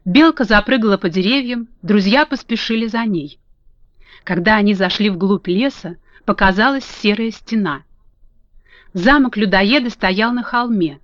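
A woman reading a children's storybook aloud in a calm, even narration. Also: mid-range voice, normal speed, no echo. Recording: dull lo-fi dry audio.

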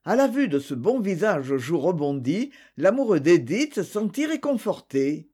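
Expressive male audiobook narrator. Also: high-pitched, moderate pace, slightly rough.

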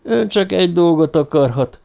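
A man's voice: mid-range voice, a little mellow, lightly acted. A man doing a cornered, bitter ruler. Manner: strained, bitter. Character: cornered, bitter male ruler bargaining for revenge. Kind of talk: audiobook character reading.

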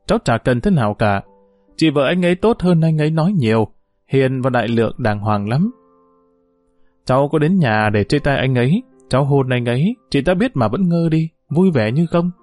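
Cheeky loud young village girl talking back, guy reading, bouncy pitch, dry close sound. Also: expressive, moderate pace, dry recording, faint music behind, close to an everyday voice. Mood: defiant. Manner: blunt, cheeky, talking loudly. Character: bold, outspoken young village woman.

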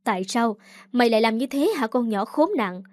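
An angry, hot-tempered man yells and berates, as a woman storyteller reads his lines. The voice is fairly high and dry, recorded close with no reverb. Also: fairly quick, natural voice. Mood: furious. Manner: angry, yelling. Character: hot-tempered older brother, shouting.

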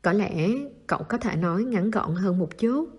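A woman reading a calm, reserved teenage boy. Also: moderate pace, slightly rough, close to an everyday voice. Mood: gentle teasing. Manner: calm, low-key, dry teasing.

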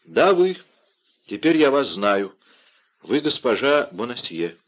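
A man's voice: medium pitch, very animated, takes it slowly. A man voicing a cunning, scheming noblewoman in a theatrical audiobook reading, on a dull lo-fi recording.

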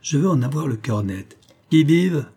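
Man putting on a young adventurer, husky, warm, raised and higher voice, quick-tempered. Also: close to an everyday voice. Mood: challenging, shouting. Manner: raises voice to shout challenges. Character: young Frenchman, bold explorer, quick-tempered.

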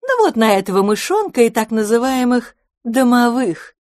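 A woman's voice: on the high side, big pitch swings, a little mellow, no room sound, clean studio sound, pitched above the performer's own voice. A woman playing a sly, gloomy mother cat. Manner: drawn-out, insinuating. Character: huge grey mother cat, gloomy and predatory.

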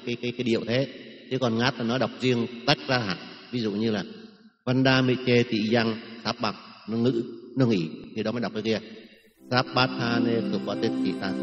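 A man giving informal dharma teaching on chanting at a retreat, chatty and repeating words as he searches for them. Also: mid-range voice. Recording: echoey hall, dull lo-fi sound, faint music.

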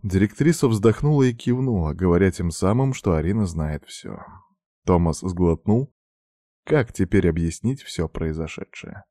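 A man narrates a novel in a very low, dark voice with steady, even storytelling. The sound is dry and close, with no room around it. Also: moderate pace, no echo. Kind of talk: audiobook narration.

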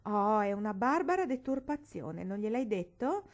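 A woman's voice: mid-range voice, sing-song, moderate pace. A woman voicing an earnest, romantic young girl in a storybook reading, speaking with an earnest, knowing air.

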